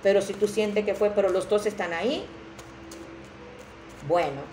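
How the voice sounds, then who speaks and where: A woman's voice: medium pitch, fairly even intonation, a little slow. A woman with a Dominican accent giving a chatty, dramatic tarot reading who acts out other people's lines. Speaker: tarot reader. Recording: roomy echo with faint background noise.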